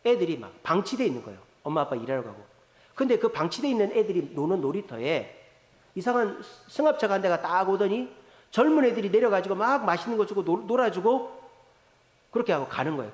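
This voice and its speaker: A man preaching a sermon, telling a story with lively, rising and falling emphasis. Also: high-pitched. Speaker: pastor. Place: large church sanctuary. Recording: echoey church hall reverb.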